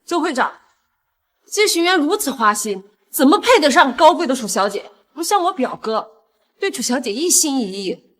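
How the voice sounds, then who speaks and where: A snobbish young woman, sneering and catty. Her voice sits high and swings in pitch, in a drama series. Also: sing-song, moderate pace, a bit bright.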